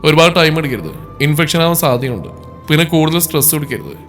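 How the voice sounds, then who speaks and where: A man voicing a calm, reassuring male doctor who speaks plainly and matter-of-factly. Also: on the high side, fairly quick, faint music behind.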